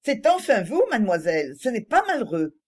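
A woman reading the part of a gruff, impatient male household servant in a storybook, in a blunt, grumbling manner. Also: fairly high pitch, sing-song, a little fast.

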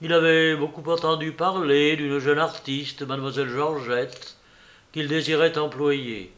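Man narrating a story with a slightly high voice. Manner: steady, measured storytelling. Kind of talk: audiobook reading of a novel.

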